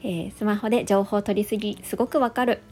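Woman in her thirties, podcast host, friendly and chatty, mid pitch, faint music underneath. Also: steady tone, fairly quick. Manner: friendly and chatty, with soft fillers. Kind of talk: casual solo podcast, reading listener comments.

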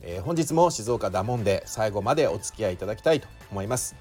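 A man's voice: fairly low pitch, lively intonation, fast talker, darkish tone, faint music behind. A man with a Shizuoka accent hosting a solo podcast in a chatty way, often drawing out filler sounds. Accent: Shizuoka Japanese. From Shizuoka, Japan. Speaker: podcast host.

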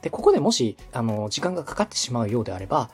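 A man from Osaka, Japan—podcast host, coach and radio director—gives explanatory, encouraging and polite guidance in a podcast conversation. He speaks rapid-fire in a husky mid-range voice with big pitch swings, and soft music plays in the background.

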